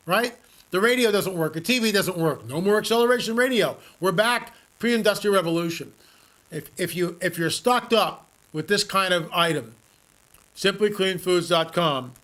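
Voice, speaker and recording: A man hosting a talk radio show, talking earnestly and repeating his points for emphasis. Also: fairly bright tone. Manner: earnest, repetitive, emphatic pitch. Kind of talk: talk radio monologue and live ad read.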